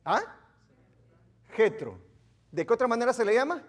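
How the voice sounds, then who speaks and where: A man's voice: extremely high pitch, sing-song, normal speed. A male pastor giving an interactive Bible teaching in a church, quizzing the congregation and joking as he goes.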